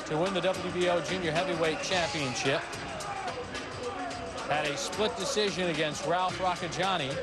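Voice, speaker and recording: High-pitched male boxing commentator over loud music. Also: fairly even intonation, moderate pace, pauses often. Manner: announcer-like delivery of facts and records. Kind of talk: live broadcast sports commentary. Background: loud entrance music and arena crowd.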